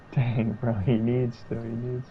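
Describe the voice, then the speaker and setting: A man's voice: medium pitch, steady tone, takes it slowly, muffled recording. A laid-back man chatting on a game stream as a co-host, laughing often. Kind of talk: casual gaming stream chat. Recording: faint background noise.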